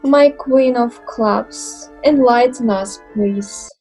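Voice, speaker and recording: A woman playing a mysterious fortune teller who makes slow, solemn pronouncements. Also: fairly high pitch, darkish tone, soft background music.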